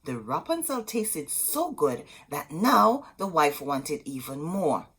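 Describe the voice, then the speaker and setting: Reading a storybook to young children, a woman speaks in a low, sing-song voice that's fairly bright yet slightly rough, moving at a slow pace. She reads with expression as storytime host and turns to her listeners with asides.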